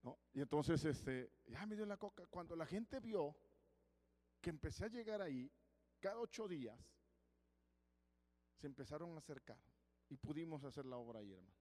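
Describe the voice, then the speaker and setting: A man with a Mexican Spanish accent preaching as a pastor, emphatic, moving between loud preaching and hushed storytelling. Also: fairly high pitch, very animated, moderate pace, pauses often. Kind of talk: sermon with personal stories. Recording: long hall reverb.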